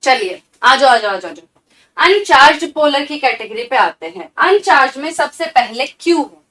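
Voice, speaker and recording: Brief: high-pitched female teacher, call-and-response drill, urging, encouraging. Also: animated, normal speed, pushed and bright. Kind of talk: exam-prep lecture with drill.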